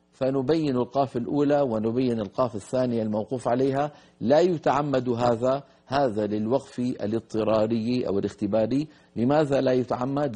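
A man hosting a broadcast Quran recitation lesson, explaining pronunciation and slowly drawing out letters and words to demonstrate them. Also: mid-range voice, dark tone, slightly rough. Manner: slow, drawn-out demonstration of letter sounds. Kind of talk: tajweed lesson on a broadcast program.

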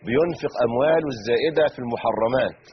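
A man's voice: mid-range voice, racing. An Egyptian man speaking as a sheikh hosting a live religious call-in show and answering callers. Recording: muffled broadcast audio with background hiss.

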